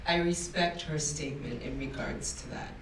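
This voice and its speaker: A woman's voice: sits low, normal speed. A woman on a panel speaks candidly and with some animation about her business path. She is heard from a distance in a roomy hall with a faint hum of noise. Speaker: diaspora entrepreneur panelist. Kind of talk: panel discussion. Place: large conference room. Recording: echoey room, distant mic.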